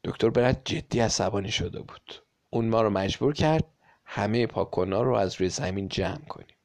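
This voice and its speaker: A man reading a children's story aloud with lively, dramatic emphasis. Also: lowish voice.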